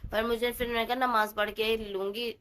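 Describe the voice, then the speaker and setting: Young woman, new mom vlogger, hoarse sore throat, fairly high voice, tired casual chat, English words mixed in. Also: flat delivery, a little fast, a bit bright. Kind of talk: casual vlog chat to camera. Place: at home.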